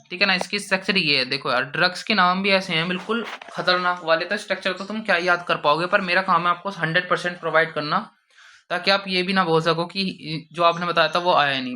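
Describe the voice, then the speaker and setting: Bright-voiced Indian man lecturing casually. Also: high voice. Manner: conversational, reads English notes slowly then explains in Hindi. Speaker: pharmacy lecturer. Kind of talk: informal lecture, explaining slides.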